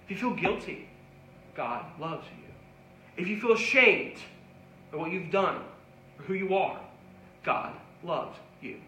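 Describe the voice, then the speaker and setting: A man's voice: high-pitched, expressive, measured pace, long pauses, bright, forceful tone, slight background noise. A man preaching a sermon, earnest and pleading, with repeated calls to his listeners. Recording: echoey room with faint ambience.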